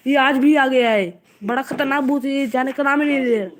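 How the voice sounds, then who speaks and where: A high-pitched woman narrates in an excited, casual way. She keeps repeating urgent warnings, and faint noise sits under her voice outdoors at night. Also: a little fast. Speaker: vlogger narrating. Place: outdoor home courtyard at night.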